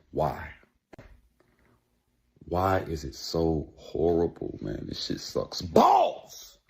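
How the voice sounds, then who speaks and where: A man ranting in a video, exasperated and emphatic, swinging between a low grumble and loud outbursts.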